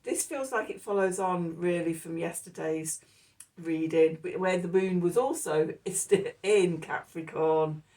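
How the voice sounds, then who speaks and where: A woman talks through a tarot reading in a relaxed, rambling way, with plenty of ums and little laughs between her thoughts. Her voice sits on the low side and moves at an unhurried pace. She is recorded a little away from the microphone. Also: far from the mic. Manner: chatty and laughing often, with many ums. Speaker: tarot reader. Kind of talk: casual spoken tarot reading.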